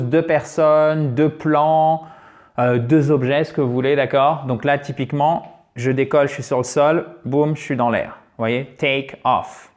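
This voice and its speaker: A man teaching an English grammar lesson on video, lively and chatty, often checking in with his viewers. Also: a little high.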